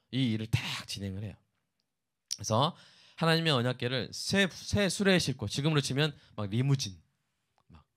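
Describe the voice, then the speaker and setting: Male pastor, sermon delivery, higher-pitched, animated storytelling with sudden loud emphasis.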